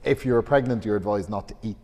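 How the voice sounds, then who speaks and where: A man's voice: on the low side, fast, mellow, big-room sound. A man co-hosting a casual podcast, explaining science with hesitant restarts and laughing at his own jokes.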